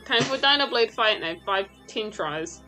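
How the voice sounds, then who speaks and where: A woman's voice: mid-range voice, expressive, normal speed, bright, forceful tone, soft background music, rough recording. A woman streaming a game live, reacting aloud to the gameplay, talking to her chat and mocking herself. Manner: self-mocking exclamations.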